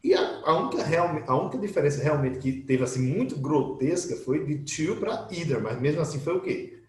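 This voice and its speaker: A man's voice: on the high side, normal speed. A man teaching an English grammar class online, acting out his students' questions as he explains. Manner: lively, voices imagined student questions. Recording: echoey room.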